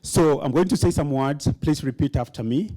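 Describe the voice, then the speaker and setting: A man's voice: on the high side, moderate pace, mellow. Emphatic man leading a rousing speech. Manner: emphatic, leads call-and-response chants. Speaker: motivational speaker. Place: conference hall.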